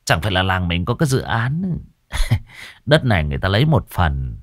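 A man voicing a brutish young gambler son, low and menacing as he wheedles and threatens his mother. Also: very animated, normal speed, dry recording, clean studio sound. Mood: wheedling. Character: brutish grown son, gambler, violent bully.

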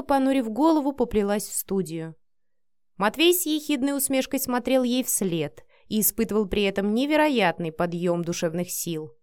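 A woman's voice: mid-range voice, darkish tone, clear, resonant tone, no echo. Woman narrating an audiobook, dry close sound.

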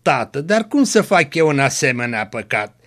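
A man voicing a gentle, pious young peasant woman in a read-aloud story, speaking softly and pleadingly. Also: medium pitch, big pitch swings. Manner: pleading, soft.

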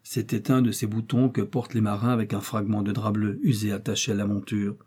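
A man reading a classic mystery novel aloud as an audiobook narrator, in a measured, even storytelling manner. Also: fairly low pitch, breathy edge. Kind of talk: scripted narration.

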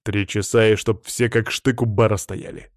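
A man voicing a gruff adult male teacher who addresses his rowdy class in a curt, commanding way. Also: on the low side, level tone, normal speed, no echo, clean studio sound, close to an everyday voice.

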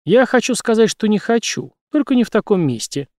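A man voicing a calm, worried young man who speaks quietly and evenly in an audiobook. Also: high voice, fairly quick, dry recording, studio quality, pitched above the performer's own voice. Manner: quiet, level, insistent. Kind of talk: audiobook character reading.

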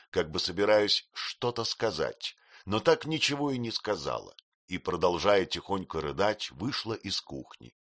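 A man narrates a classic novel with a low voice and a very lively, expressive delivery. The recording is dry and close, with no room echo. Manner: expressive storytelling. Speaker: audiobook reader. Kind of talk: scripted narration.

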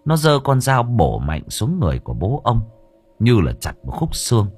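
A man narrating a horror story for an audiobook in an expressive, dramatic storytelling voice. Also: mid-range voice, moderate pace, slightly rough, faint music behind.

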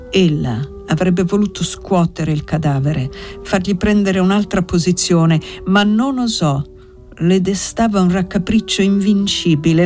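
A reader narrating a classic novel in a measured, deliberate way with dramatic pauses. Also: medium pitch, a little mellow. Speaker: audiobook reader. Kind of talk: literary audiobook narration.

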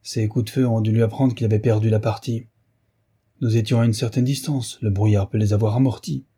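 A calm, commanding detective speaks with measured authority, as a man reads him. His voice is low, dark and slightly husky. The storybook delivery stays composed. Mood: low, thoughtful.

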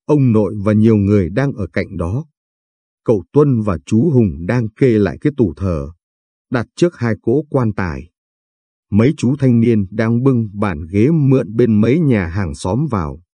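A man narrating a sad story in a slow, somber, scripted way. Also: on the low side, expressive, warm tone, breathy edge, no echo.

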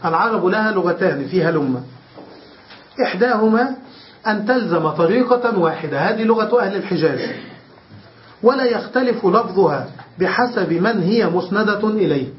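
High-voiced sheikh teaching in echoey room. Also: male voice. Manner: explains step by step, often checks understanding with the class; stretches key words slowly for emphasis. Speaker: sheikh teaching Arabic grammar. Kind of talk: classroom grammar lesson. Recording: distant, echoey, dull lo-fi room recording with faint hiss.

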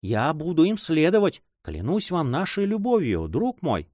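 A man's voice: fairly high pitch, huge pitch swings, moderate pace, darkish tone, no room sound, voice pushed up. A man reading aloud and voicing a young woman in love, anxious and devoted, in a pleading, fearful, tender manner.

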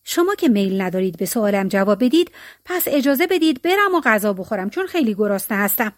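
A woman's voice: mid-range voice, big pitch swings, no room sound, studio quality, lightly acted. A woman reading a folk tale, voicing a poor, clever peasant man who speaks politely and slyly. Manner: sly, polite, quietly cunning.

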